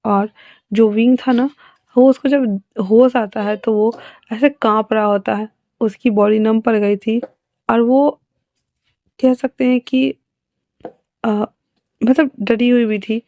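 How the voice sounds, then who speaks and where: A woman's voice: a little high, fairly even intonation, slow, long pauses, no echo, dull audio. A woman telling a story in a casual, chatty way, with fillers and asides to the listener.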